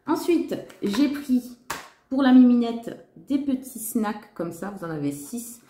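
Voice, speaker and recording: A woman's voice: on the high side, animated, takes it slowly, long pauses, mellow, slight background noise. A woman chatting in a casual shopping-haul vlog, gushing with enthusiasm and talking straight to her viewers. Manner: gushing, enthusiastic, repeats "trop" and "magnifique". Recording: echoey room.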